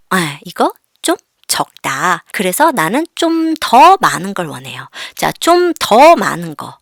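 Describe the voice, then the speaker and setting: A young woman with a lively, animated voice teaches a Chinese class in Korean, recorded close on a dry mic. She asks questions, answers them herself and reads each example sentence very slowly and clearly. Her delivery stays patient and instructive throughout. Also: mid-range voice, dry recording. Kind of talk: online language lesson.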